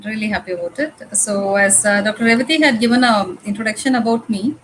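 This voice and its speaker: A woman from Tamil Nadu with a Tamil-influenced Indian English accent gives a conversational guest lecture, full of fillers and repeated phrases. Her mid-range voice moves fast, and the poor recording carries a slight hiss or hum.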